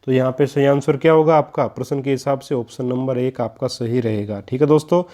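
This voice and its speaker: A man's voice: medium pitch, steady tone, brisk, dark tone. A man, teaching an online exam-prep lesson and explaining each answer step by step to the listeners he calls friends.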